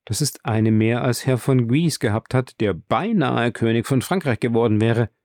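A man's voice: medium pitch, normal speed, a little mellow, dry recording, lightly acted. A casual, ironic young official, as a male narrator reads him, tossing off remarks in an offhand way. The audiobook sound is dry and close. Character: nonchalant young government secretary, ironic.

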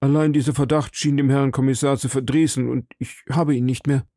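A man voicing a timid, frightened shopkeeper who pleads anxiously in a raised, higher voice. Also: steady tone, fairly quick, dark tone, dry recording, studio quality, natural voice.

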